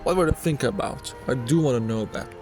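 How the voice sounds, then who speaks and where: A man delivers scripted narration in the manner of an online countdown video. His voice sits at a middling pitch, with music playing underneath. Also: quick pace. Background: background music.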